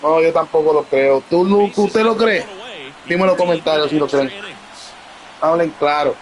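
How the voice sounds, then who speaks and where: A man giving excited live commentary as he streams a baseball video game, bursting into shouts and talking to his viewers. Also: on the high side, normal speed, rough recording. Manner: talks to his audience. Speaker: gaming streamer. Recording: loud stadium crowd noise from the game. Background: video game crowd sound.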